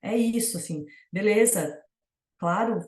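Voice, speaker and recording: A woman's voice: mid-range voice, measured pace, darkish tone, echoey room. Brazilian woman giving a reflective talk. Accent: Brazilian Portuguese. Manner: casual and reflective, many fillers like "né?". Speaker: yoga teacher. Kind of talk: teaching satsanga talk.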